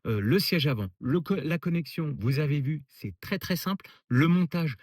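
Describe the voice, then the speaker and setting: A man giving a relaxed, casual product demo and review from inside a car, pausing often to find his words. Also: on the high side, no room sound, studio quality. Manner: relaxed, hesitant with frequent filler pauses.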